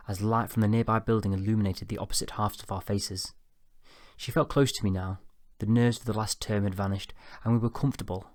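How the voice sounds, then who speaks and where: A man reading a first-person novel aloud in a calm, low-key storytelling manner. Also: no echo, studio quality. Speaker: audiobook narrator. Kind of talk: first-person audiobook narration.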